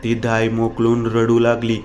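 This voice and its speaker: A man narrating a horror story in a steady, even reading voice. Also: mid-range voice, measured pace, slight background noise.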